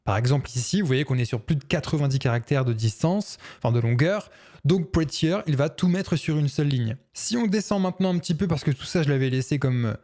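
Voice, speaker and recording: A man's voice: fairly high pitch, lively intonation, fairly quick, darkish tone. A man hosting a screen-recorded coding tutorial, chatty and self-correcting, with fillers and little laughs.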